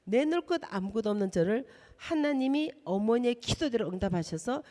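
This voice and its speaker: A woman's voice: a little high, animated, fairly quick, dark tone, long reverb tail. A middle-aged woman from South Korea, a missionary preaching a sermon and speaking directly and emphatically to the congregation. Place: church hall.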